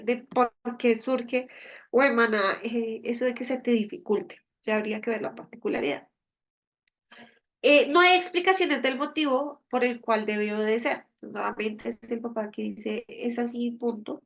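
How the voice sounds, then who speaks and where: Woman, high voice, teaching a parenting talk from home, keeps asking "sí?". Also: lo-fi sound. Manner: explanatory, with frequent rhetorical "¿sí?" checks. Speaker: parenting workshop speaker. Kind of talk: live online talk to parents.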